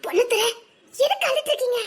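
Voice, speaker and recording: A woman's voice: very high-pitched, expressive, racing. An actress with a Tirunelveli accent playing a worried young woman who pleads anxiously with a weeping man. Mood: distressed. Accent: Tirunelveli Tamil. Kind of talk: web series drama acting.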